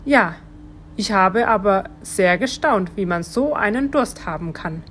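A woman's voice: mid-range voice, animated, a little slow, a little hiss or hum, lightly acted. A woman voicing a cheeky, easygoing little male earthworm in a children's storybook, cheerful and a bit bossy.

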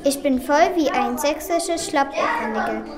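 A woman's voice: high-pitched, normal speed, a crowd in the background. A woman narrating a children's radio play in a cheeky, playful way.

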